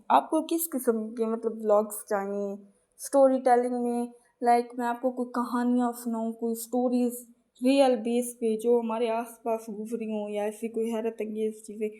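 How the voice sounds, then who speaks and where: A woman telling funny everyday stories as a casual vlog voice-over, chatty and lively when she acts out others. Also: high voice. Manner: chatty, animated when acting out the children. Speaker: vlogger.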